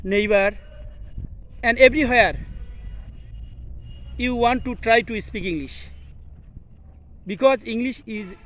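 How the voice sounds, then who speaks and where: Speaking slowly in a high, fairly bright voice, a Bangladeshi man who grew up speaking Bengali teaches in an instructional vlog, addressing the camera as an English teacher and video host from an open scenic outdoor spot. He uses halting, simple learner's English in short broken phrases, and the low-quality recording includes outdoor noise and faint birdsong.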